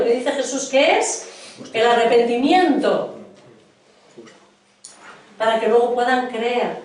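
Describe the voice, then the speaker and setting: A middle-aged woman with a slightly high voice preaches a sermon in a church hall, earnestly questioning her congregation. She sounds far from the mic, and the hall is echoey.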